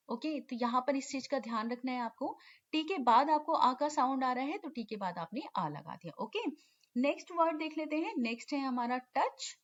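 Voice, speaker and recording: A woman teaching shorthand in an online lesson, patiently repeating key terms and checking in often. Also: high voice. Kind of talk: online lesson explaining step by step. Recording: lo-fi dull recording.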